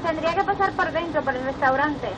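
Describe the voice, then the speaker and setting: A woman's voice: high-pitched, quick pace, a crowd in the background. A woman with a Spanish accent, speaking briefly as a drive-through order taker serving a customer. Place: drive-through, heard from inside car. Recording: distant voice, clear vehicle noise.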